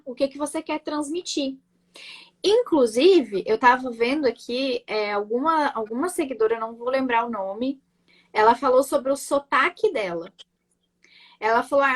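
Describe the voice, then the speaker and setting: A high-pitched woman speaking with a blended southern Brazilian accent, somewhere between gaúcho and Florianópolis. She talks freely and at length in a casual interview, repeating words and tagging her points with little checks to the listener. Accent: mixed southern Brazilian, gaúcho and Florianópolis. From Rio Grande do Sul, Brazil. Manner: talkative, repeats words, frequent "né?" and "sabe?". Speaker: guest, nurse marketing creator.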